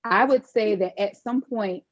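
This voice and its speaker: A woman therapist giving advice in a podcast conversation, talking in a measured, explanatory way. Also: mid-range voice. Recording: dull lo-fi sound.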